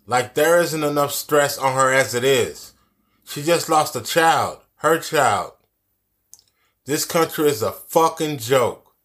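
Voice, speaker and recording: A man's voice: on the high side, slow pace, fairly bright tone. Profane, emphatic man ranting. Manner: profane, emphatic, repeats his key phrases. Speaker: commentary vlogger. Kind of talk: angry social commentary.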